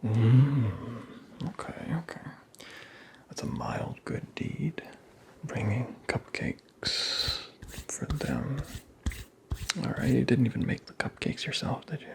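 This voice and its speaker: A man playing a teasing, vain Santa Claus in an ASMR roleplay, murmuring slowly in a breathy whisper. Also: mid-range voice. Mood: amused, gently probing.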